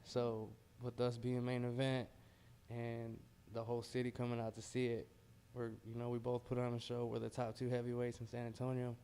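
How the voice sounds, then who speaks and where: A man's voice: medium pitch, monotone, moderate pace, dark tone, slight background noise. An American man, a heavyweight boxer, talking casually and modestly in a pre-fight interview.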